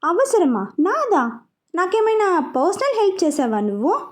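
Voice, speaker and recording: A proud, fiery young woman who talks back in a sharp, taunting way, as a woman narrator puts her on. The voice is high and bright. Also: very animated, moderate pace. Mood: defiant.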